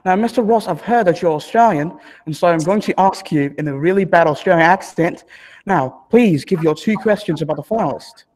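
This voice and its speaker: A man's voice: sits high, a little fast, a little mellow. A man hosting an online competition on a video call, announcing finalists in a formal, polite way. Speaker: host. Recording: reverberant room on a call.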